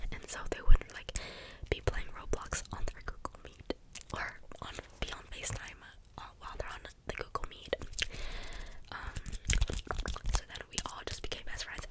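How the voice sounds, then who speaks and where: A young adult speaks in a soft, breathy ASMR whisper, rambling casually through everyday stories and drifting into tangents. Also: rough recording. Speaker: ASMR video creator.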